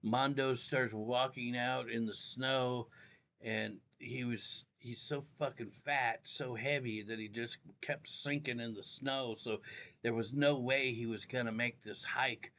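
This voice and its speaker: Male streamer, toothless slack diction, heavy fry, profane rambling chat, dull lo-fi sound. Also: mid-range voice, fairly even intonation, unhurried, sharp tone. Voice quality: toothless, slack articulation, upper teeth missing. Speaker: livestream host. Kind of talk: rambling casual livestream chat.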